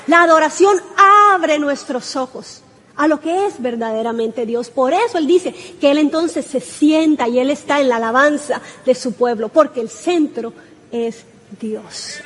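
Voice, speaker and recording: Female preacher, high voice, animated delivery with sudden excited cries. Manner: animated, bursts into high exclamations. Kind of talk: sermon.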